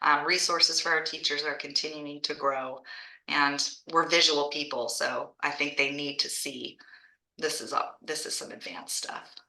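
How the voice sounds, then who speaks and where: A woman's voice: sits low, fairly even intonation, unhurried, sharp tone, reverberant, low-quality recording. A woman who founded an art school franchise and teaches art, presenting on a video call in a chatty, enthusiastic way and often restarting her phrases.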